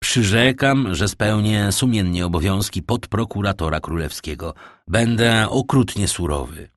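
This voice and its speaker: A courteous, self-assured young prosecutor of an audiobook speaks in a low, measured voice, read by a male narrator. His tone stays polite and formal. The recording is dry. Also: no room sound, lightly acted.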